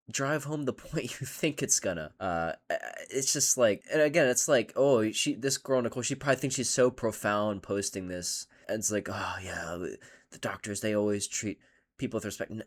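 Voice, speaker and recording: A man hosting a casual reaction video, ranting in an animated and sarcastic way. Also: on the low side.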